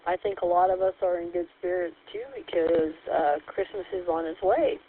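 A woman hosting a radio net check-in, heard over a two-way radio, speaking in a friendly, measured way with hesitant fillers. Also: lowish voice, steady tone. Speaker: net control host. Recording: tinny two-way radio with faint static.

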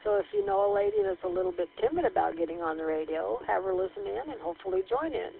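Gravelly woman over radio static. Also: on the high side, sing-song, fast talker, narrow, tinny audio. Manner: friendly, inviting announcement read out over the air. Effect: radio transmission with static. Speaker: radio operator announcing a ladies' net. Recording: thin two-way radio with faint static.

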